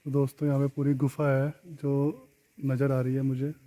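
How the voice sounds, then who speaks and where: Male cave-exploration vlogger, muted mellow tone, fairly even delivery, voice bouncing back in long cave echo. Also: mid-range voice, moderate pace. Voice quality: voice echoing off cave walls. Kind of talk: vlog narration to viewers while exploring a cave. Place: inside a large dark rock cave. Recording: echoing cave with long reverb.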